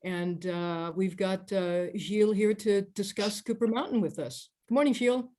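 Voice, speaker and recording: American lady hosting, medium pitched voice, chatty moderator style. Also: normal speed, mellow, soft background music. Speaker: host moderating a tasting session. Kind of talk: casual moderated interview.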